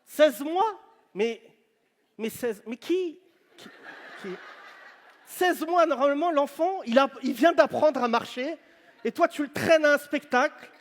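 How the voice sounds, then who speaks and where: A stand-up comedian with a strikingly high voice works the crowd, teasing people loudly. He talks into a handheld mic on a big stage. The live show carries a long reverb from the hall. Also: animated, measured pace, long pauses. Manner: teasing, loud banter with the audience. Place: large venue on stage.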